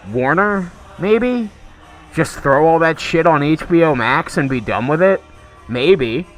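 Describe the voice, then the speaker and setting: Man, show host, profane sardonic rant, high-ish voice, lively pitch. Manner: ranting, sardonic, swears constantly. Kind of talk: casual profane commentary.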